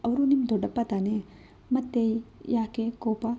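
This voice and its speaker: Brief: woman voicing affectionate young husband, playful teasing, husky tone. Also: a little high, level tone, moderate pace, mellow, lo-fi sound.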